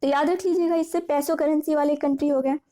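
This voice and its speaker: High-voiced woman teaching exam tricks. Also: steady tone, fast talker, dark tone. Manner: chatty, repetitive, asks and answers her own questions. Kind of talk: explaining memory tricks for an exam.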